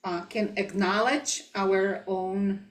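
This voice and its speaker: Woman, podcast co-host, reflective, laughs often, mid-pitched voice. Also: fairly even intonation, slow. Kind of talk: spiritual podcast conversation.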